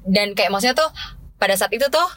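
A woman's voice: medium pitch, expressive, fast, a bit bright. A woman in casual chat, rambling with many fillers.

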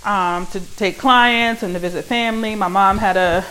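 A woman's voice: mid-range voice, normal speed, fairly bright tone. Chatty woman hosting from her kitchen. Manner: chatty, addresses listeners as y'all. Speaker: podcast host. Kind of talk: casual solo podcast chat. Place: home kitchen while cooking.

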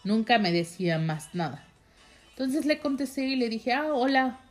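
A young woman with a Mexican accent, a vlogger, tells a personal story in a chatty, rambling way, packed with fillers and asides to her viewers. Her voice is fairly high and her pace moderate, with soft music playing in the background.

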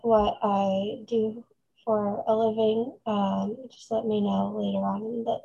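A woman's voice: medium pitch, little pitch movement, unhurried, creaky, mellow, husky. A young woman from Bosnia introducing herself as a podcast guest, hesitant and with many ums. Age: young adult. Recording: dull lo-fi audio.

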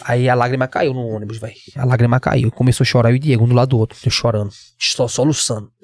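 A man in his twenties with a Northeastern Brazilian accent, telling his story as a podcast guest, slangy and animated, acting out what others said. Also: mid-range voice, very fast. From Pernambuco, Brazil. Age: 20s. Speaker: guest, MMA fighter.

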